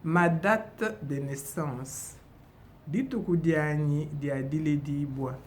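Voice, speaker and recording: Very slow, deliberate woman teacher. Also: sits low, a little mellow, a little hiss or hum. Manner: slow, deliberate, repeats each phrase. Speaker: language teacher. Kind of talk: bilingual vocabulary lesson.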